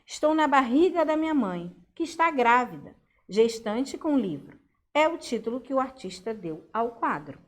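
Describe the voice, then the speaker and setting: A woman's voice: a little high, sing-song, normal speed. A woman teacher, patiently explaining a grammar lesson step by step and checking in with her students. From Brazil. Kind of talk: online class lesson.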